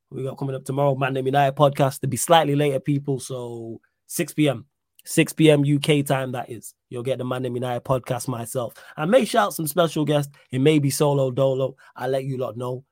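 A man's voice: medium pitch, darkish tone, no echo. Give this man a London roadman accent and plenty of street slang. He hosts a live football podcast in a casual, chatty way. The sound is dry, with very little room on it. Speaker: podcast host.

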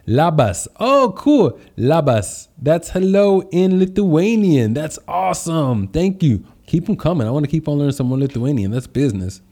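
A man's voice: fairly high pitch, animated, moderate pace, hardly any pauses. A man hosting a casual live stream as a podcast host and public speaker, chatting in a slangy, exuberant way and greeting viewers. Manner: upbeat, exuberant greetings and shout-outs; slangy, conversational.

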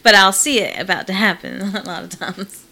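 A middle-aged woman, a therapist in private practice, talking in a casual, reflective interview with frequent pauses. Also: medium pitch, pushed and bright. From Malawi. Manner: reflective, frequent ums and laughs.

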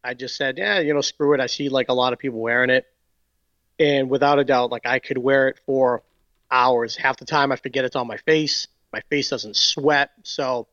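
An excitable man with a Boston accent co-hosting a casual podcast, often restarting his sentences. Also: mid-range voice, normal speed, no echo, dull audio. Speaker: podcast co-host.

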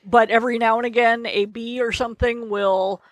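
A man's voice: very high voice, steady tone, normal speed, fairly bright tone, no echo. A man co-hosting a podcast, telling anecdotes in a wry, playful, conversational way. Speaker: podcast co-host. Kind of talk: casual chat and anecdotes.

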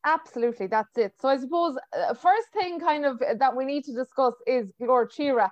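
Female podcast host, west of Ireland accent, fairly high chatty voice, dry lo-fi video-call sound. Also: moderate pace, a little mellow, no room sound. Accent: Mayo, west of Ireland. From County Mayo, Ireland. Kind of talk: casual interview hosting. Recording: dry, slightly muffled video-call audio.

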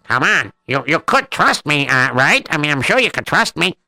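A man's voice: fairly high pitch, sing-song, moderate pace, gravelly, pushed and bright, no echo, faint music behind, voice pushed up, heavily acted. A man voicing a greedy, scheming swindler who talks his way into a store and gloats over robbing it. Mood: wheedling. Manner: wheedling, gloating. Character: greedy scheming male swindler, smooth-talking.

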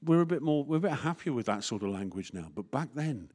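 A man's voice: medium pitch, animated, fast talker, a little mellow. A man, a vicar preaching a sermon in a candid, conversational way with jokes and asides.

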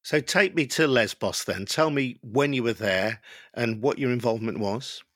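A man with a mid-range voice hosts a news podcast. He reads his scripted introduction in an earnest, clearly articulated way and then turns to questioning his guest. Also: medium pitch, normal speed, a bit bright. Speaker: podcast host. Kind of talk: scripted news narration and interviewing.

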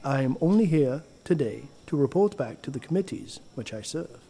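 An actor playing a stern, disdainful doctor with haughty, formal and indignant speech in an audio drama. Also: male voice, medium pitch, lively intonation, normal speed, dark tone, slightly rough. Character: stern, disdainful male doctor on review boards. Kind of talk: scripted comedy-horror audio drama.

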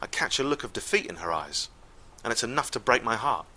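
A man telling a comic story live, wry and exasperated, with deadpan asides. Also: mid-range voice, a little fast.

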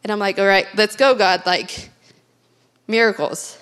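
Middle-aged woman, earnest and halting, sharing a testimony in church. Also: medium pitch, fairly even intonation, fairly bright tone, smooth. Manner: earnest, with many fillers and restarts.

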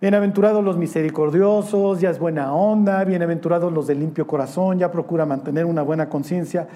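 Warm, mellow preacher. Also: male voice, fairly high pitch, brisk. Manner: conversational and teasing, with slang. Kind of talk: casual sermon.

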